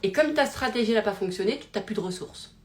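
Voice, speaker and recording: A woman hosts a live self-help talk as a casual live-stream monologue, theatrical and animated at a quick pace. She swings from loud exclamations to low mutters, laughs often, and fills her speech with fillers and self-interruptions.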